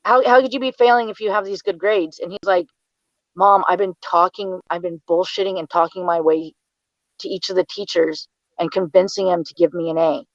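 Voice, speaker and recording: Speaking briskly in a voice on the low side, this woman is captured in a dry, dull-sounding recording. As the subject's mother and an interview guest, she recounts memories, often stumbling and saying things twice.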